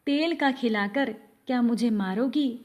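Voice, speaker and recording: A woman's voice: a little high, unhurried, a little mellow, close to an everyday voice. A woman voicing a grumpy, demanding older mother-in-law who scolds sharply in a household story. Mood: scolding.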